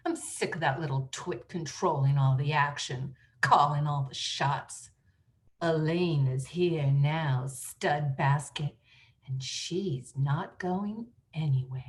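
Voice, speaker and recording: A woman voicing a brazen, sultry female seductress who teases in a low, purring voice during an improvised comedy scene. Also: takes it slowly. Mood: teasing, sultry.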